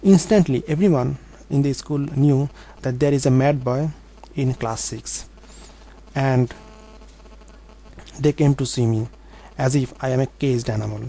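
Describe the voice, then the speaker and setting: A man telling his own life story as a vlog monologue, in an earnest, halting way with small grammar slips. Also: mid-range voice, vocal fry, dark tone, rough recording.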